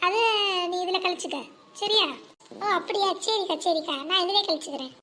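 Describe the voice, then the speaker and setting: A woman's voice: extremely high pitch, brisk, bright, forceful tone. A woman voicing chatty, crafty village housewives in a cartoon, exclamatory and colloquial, with a rural Tamil Nadu accent. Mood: friendly. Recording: faint background noise and ambience.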